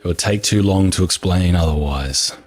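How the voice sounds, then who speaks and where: This is a casual Q&A chat in which a New Zealand gaming creator responds to his viewers, soft music running behind him. He sounds low, calm and soothing, easygoing and matter-of-fact, with a hoarseness that comes from speaking for over an hour.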